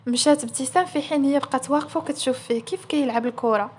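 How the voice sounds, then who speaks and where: A young woman with a Moroccan accent narrating a romance story in a rapid, breathless manner. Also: sits high.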